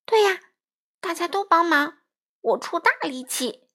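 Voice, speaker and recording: Storybook crow, woman reader: young, high, eager, flustered. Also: normal speed. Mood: excited. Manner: excited, pleading, chattering.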